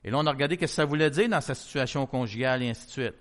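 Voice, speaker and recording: A middle-aged Québécois pastor tells a testimony-style story in his sermon, acting out the quoted dialogue with lively flair. His mid-range male voice comes out rapid-fire.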